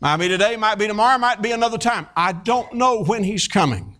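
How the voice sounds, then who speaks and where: His voice sits high and moves a little fast as this man in his fifties preaches. The sermon is folksy and spirited, told through stories with many fillers and restarts.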